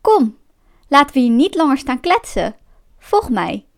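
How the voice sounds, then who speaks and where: A woman's voice: sits high, big pitch swings, unhurried, gravelly, exaggerated voice. Woman playing Reinaard the sly fox. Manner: sweet-talking, feigning friendliness, mocking. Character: sly cunning male fox, smooth and mocking.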